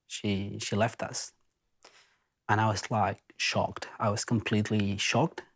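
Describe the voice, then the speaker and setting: A man from Argentina with an Argentine accent, hosting a podcast and telling his story in an earnest, reflective way. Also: fairly low pitch. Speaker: podcast host. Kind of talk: casual spoken introduction.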